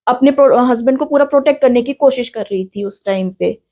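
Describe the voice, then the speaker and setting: A young woman with a high, soft-toned voice tells an interviewer what happened to her. She speaks earnestly and in detail, restarting her words now and then. She sounds frightened and still in pain. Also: a little fast. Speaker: interviewee, victim of an assault. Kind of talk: recounting an incident in an interview.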